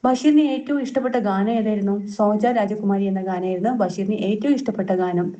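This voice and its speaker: A woman's voice: medium pitch, a little fast, warm tone. A woman reading out quiz questions and answers as a tutor, repeating each answer and correcting herself as she goes.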